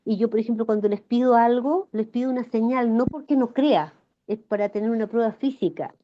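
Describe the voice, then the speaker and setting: The voice is fairly high and brisk, captured on a muffled recording with slight background noise. It belongs to a Chilean woman in her sixties, a flower therapist invited onto a podcast interview, who tells emotional stories in an animated, heartfelt way.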